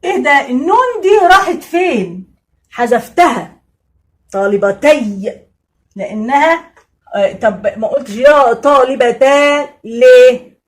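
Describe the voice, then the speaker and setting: An Egyptian woman teaching Arabic grammar in a casual, lively way, repeating key points and answering imagined student questions. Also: high-pitched, unhurried, long pauses. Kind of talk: casual classroom explanation.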